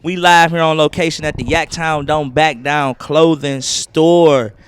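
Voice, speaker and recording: Man, podcast host, casual chat, smooth, slightly high voice, upbeat interjections. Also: steady tone. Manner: hyped, affirming with quick interjections. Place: clothing store.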